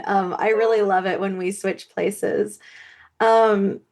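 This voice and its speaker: Woman co-host, frank and earnest, mid pitch, restarts her sentences. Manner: earnest, frank, repeats words as she thinks. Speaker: podcast co-host. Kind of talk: casual podcast chat.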